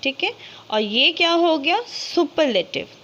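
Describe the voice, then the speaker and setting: A high-pitched woman explains grammar to her students, posing questions and answering them herself. She slows right down to draw out each example word. The recording sounds dull and lo-fi. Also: sing-song, sharp tone. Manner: slow, drawn-out reading of example words. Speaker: English grammar teacher. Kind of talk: explanatory lesson in Hindi with English terms.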